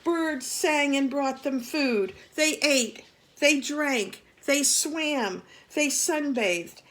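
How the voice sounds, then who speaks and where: Woman reading a kids' book out loud, slow, chatty little asides. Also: high-pitched, poor audio. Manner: adds chatty asides to the children. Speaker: storybook reader. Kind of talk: reading a picture book aloud to young children.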